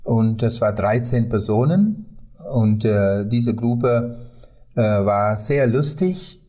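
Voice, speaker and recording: A man in his 50s or older with a Sri Lankan accent speaks slowly and mellowly in a fairly low voice. German isn't his first language, and his halting German is full of hesitations. A tour guide appearing as a podcast guest, he tells stories conversationally in an interview.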